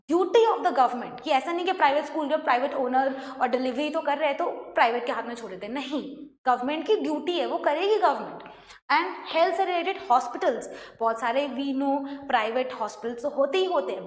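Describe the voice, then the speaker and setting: A woman teaching an online class, mixing Hindi and English and explaining by asking her students questions. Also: high-pitched. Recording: echoey room, faint noise.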